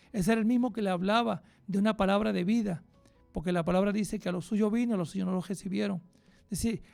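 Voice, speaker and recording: Male radio preacher, high gravelly voice, fervent, hush to loud. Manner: impassioned, swings from hushed to loud and fast. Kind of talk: radio sermon.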